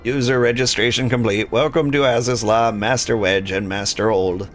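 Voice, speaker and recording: A man voicing a polite guidance robot in a video game read-along, speaking in a slow, clipped robot voice as he reads out system prompts. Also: medium pitch, steady tone, faint music behind, close to an everyday voice. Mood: mechanical. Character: polite guidance robot node, mechanical and formal.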